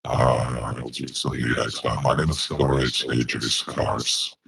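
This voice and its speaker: A man putting on a deep in-character voice for a tabletop game, with a heavy echo effect on it. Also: steady tone, slow, creaky, a bit bright, a little hiss or hum, full character voice. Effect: heavy echo reverb on the voice.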